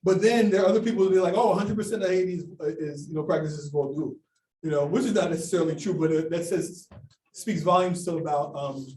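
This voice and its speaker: A man's voice: a little high, fairly even intonation, quick pace, a little mellow, a little hiss or hum. A man giving a talk and answering audience questions, hesitant with many restarts and fillers. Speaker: guest speaker. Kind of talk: academic Q&A talk. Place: lecture room. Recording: echoey room from far off.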